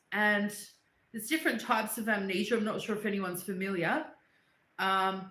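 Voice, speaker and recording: Speaking English as a second language, a livestream host with a medium-pitched, sharp-toned voice reads her chat and responds to viewers. She wanders casually through personal anecdotes, and the recording has an echoey room sound.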